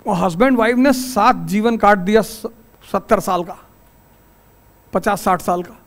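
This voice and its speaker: High-voiced male teacher. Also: a little slow. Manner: storytelling, lively and anecdotal; stern about class rules. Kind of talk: classroom lecture with stories. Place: classroom.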